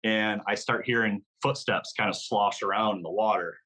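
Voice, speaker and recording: Low-voiced man telling a hunting story. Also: steady tone, moderate pace, sharp tone, breathy edge, low-quality recording. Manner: vivid storyteller, many "like"s, mimics deer calls. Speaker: podcast guest, hunter. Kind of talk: casual storytelling.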